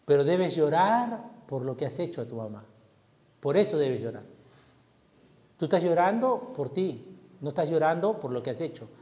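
A man preaching a sermon as pastor, impassioned, swelling loud and then dropping low. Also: very animated, moderate pace, long pauses, lo-fi sound. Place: church hall. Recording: long hall reverb.

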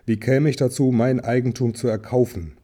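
Man putting on angry dwarf king, shouting, scornful, dark tone. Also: mid-range voice, steady tone, moderate pace, lightly acted. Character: proud furious male dwarf king.

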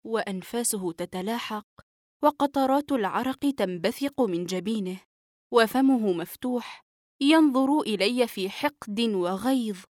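A woman narrating a novel for an audiobook in a steady, even storytelling manner. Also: a little high, measured pace, no echo, clean studio sound.

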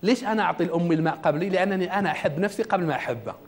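Fast-talking male trainer. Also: high-pitched. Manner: asks the audience questions; religious quotations in the talk. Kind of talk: self-development lecture to a class.

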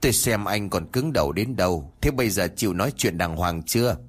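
A man voicing an older male exorcist who scolds and interrogates a ghost in quick, stern questions. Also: deep voice, animated.

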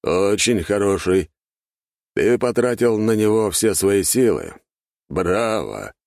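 A cold, unhurried dark mage taunts his foe in a low, gravelly voice, as a man reads him. He speaks calmly, with quiet, mocking contempt. The recording is dry and close. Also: no room sound, heavily acted. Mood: coldly amused.

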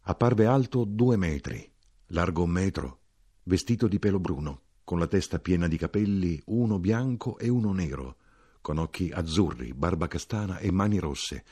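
Deep-voiced male audiobook narrator. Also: animated, mellow, slightly rough. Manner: measured, evocative. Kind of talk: literary audiobook reading.

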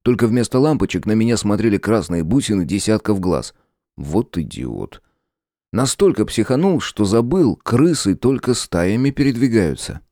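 A man reading a first-person audiobook in a gruff, sardonic storytelling manner. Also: lowish voice, animated, moderate pace, hardly any pauses, warm tone, no room sound, studio quality. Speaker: audiobook narrator.

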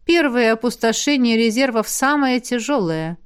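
A woman voicing a stern, dry-witted female demoness who heads a magic academy, speaking slowly and reproachfully. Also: on the high side, expressive, clear, resonant tone, close to an everyday voice.

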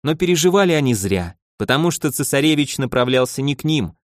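Reading a novel from a script, a male audiobook narrator keeps an even, measured storytelling pace in his mid-range voice. The recording is dry and of studio quality.

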